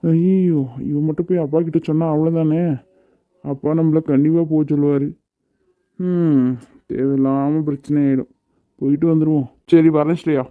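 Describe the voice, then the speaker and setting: Lady doing a deep gruff young guy in a cartoon, bossy and curt, tinny phone-ish sound. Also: fairly even intonation, normal speed, close to an everyday voice. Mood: worried. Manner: gruff, scolding.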